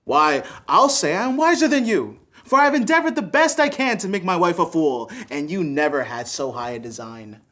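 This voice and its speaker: Arch, swooping Restoration-comedy gentleman, acted out on stage. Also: mid-range voice, very animated, moderate pace, hardly any pauses. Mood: smug. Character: scheming, domineering young gentleman suitor, mocking and self-satisfied.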